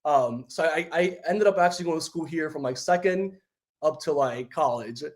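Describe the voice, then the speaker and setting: Calling in by video from home, a young New York City guest who grew up speaking Spanish chats in a casual interview. His voice is fairly high and his speed normal, and he sounds laid-back and talkative, with lots of "like" fillers.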